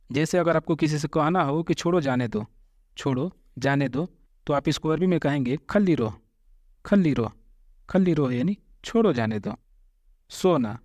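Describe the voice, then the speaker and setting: A man teaching a spoken Arabic lesson. He says each phrase twice, slowly, then explains it word by word. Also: mid-range voice, a little mellow, dry recording, studio quality. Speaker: language teacher.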